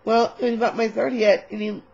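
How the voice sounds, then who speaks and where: A woman vlogger telling a personal story in a casual, animated, candid way, swearing now and then, on a webcam mic. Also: a little high, brisk, creaky, husky, muffled recording.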